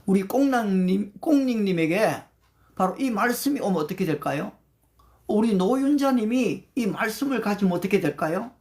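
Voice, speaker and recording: An older man leads a livestreamed prayer meeting, his voice rising and falling in a lively, animated way. He slows right down to recite Bible verses in English and thanks viewers by name as he goes. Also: sits high. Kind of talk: livestreamed devotional talk.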